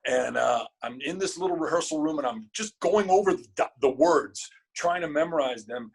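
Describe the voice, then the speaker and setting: Man, interview guest, casual storytelling, animated, curses a lot, slightly husky voice. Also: a little high, moderate pace, poor audio. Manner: swears freely and casually.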